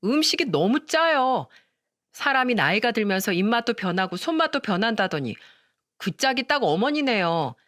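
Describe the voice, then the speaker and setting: A woman's voice: on the high side, big pitch swings, moderate pace, fairly bright tone, dry recording, studio quality. A woman reading a story voices a rude, mocking young sister-in-law.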